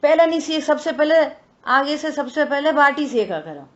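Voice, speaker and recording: A woman leading a religious scripture study in a lively conversational way, asking rhetorical questions and teasing her listeners. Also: high-pitched, moderate pace. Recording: dull lo-fi recording.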